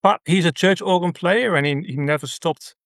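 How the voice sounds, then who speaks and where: A man with a Dutch accent talks through his story in an earnest, halting way, pausing often on fillers. His voice sits a little high for a man. The sound is close and dry, with no room around it. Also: no room sound. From Netherlands. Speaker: guest, ministry leader. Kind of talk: conversational interview.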